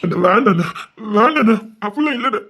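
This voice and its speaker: An actor playing a tearful, remorseful brother, sobbing and stammering in a Tirunelveli Tamil accent, in a web-series family drama. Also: male voice, sits high, brisk. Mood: grieving.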